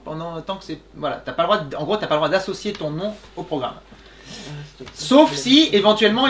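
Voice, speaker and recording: A man in his thirties, a voice actor answering audience questions in a relaxed, chatty way, laughing often and filling pauses with "euh". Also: high-pitched. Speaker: voice actor guest. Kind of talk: casual Q&A talk. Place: small workshop room with audience.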